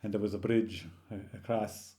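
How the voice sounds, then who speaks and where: A man in his sixties with a rural County Limerick Irish accent, telling anecdotes in a halting, rambling, casual way. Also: on the low side, fairly even intonation, mellow. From County Limerick, Ireland. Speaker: interview guest, local storyteller. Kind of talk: oral history reminiscence, casual storytelling.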